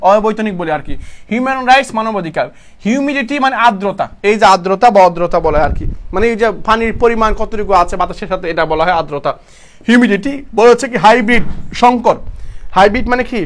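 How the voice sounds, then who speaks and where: A man's voice: high voice, a little hiss or hum. A young man with a Bangladeshi Bengali accent teaching an online exam-prep vocabulary class. He repeats his questions to the students and corrects himself as he goes. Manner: repeats questions to students, talks to them as "bhaiya"; casual, self-correcting explanations.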